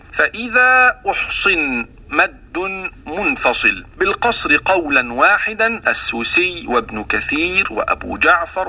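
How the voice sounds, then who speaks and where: A man's voice: on the high side, pushed and bright, husky. Distant-sounding man teaching Quran recitation. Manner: explains rules, then chants verses and quoted teaching poems. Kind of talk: lesson on the readings of the Quran, with recited examples.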